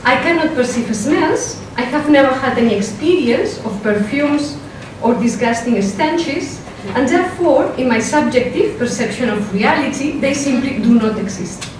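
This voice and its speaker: Giving a workshop talk in a lecture hall, a philosopher speaks with a strong Spanish accent, careful and measured but animated, using hesitant fillers when off script. Her slightly high voice is captured from afar, with heavy echo and clear noise.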